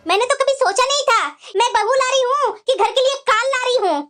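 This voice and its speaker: A woman's voice: very high-pitched, brisk, a bit bright, faint music behind. A woman voicing a stern, bitter older mother-in-law in a cartoon, scolding and sarcastic.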